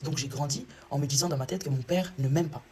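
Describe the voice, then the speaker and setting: A woman's voice: deep voice, quick pace, darkish tone. A young woman, giving a personal faith testimony in an earnest storytelling way. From Congo.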